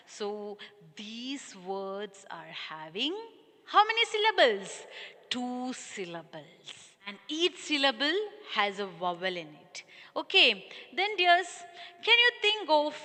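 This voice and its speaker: A woman, teaching young children a recorded lesson and slowly sounding out words syllable by syllable. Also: high voice, bright, forceful tone, big-room sound. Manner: slow, deliberate, spelling out syllables and calling listeners "dears". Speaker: primary school English teacher.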